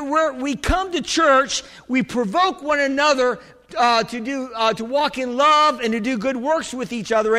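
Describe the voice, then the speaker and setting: A man's voice: extremely high pitch, fairly bright tone. A man preaching a church sermon as a pastor, emphatically exhorting his congregation and calling for amens, often repeating and restarting his phrases. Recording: reverberant hall.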